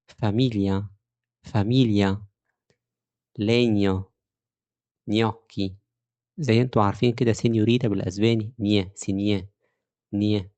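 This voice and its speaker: A man with an Egyptian Arabic accent teaching Italian pronunciation, explaining rules step by step and repeating example words slowly. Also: on the low side, mellow, dry recording. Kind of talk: pronunciation lesson.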